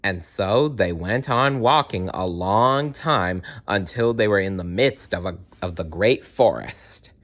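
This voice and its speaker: Reading a children's fairytale aloud, this storyteller talks straight to the kids in an expressive way. His slightly low voice is bright and forward, his pace a little slow, with few pauses.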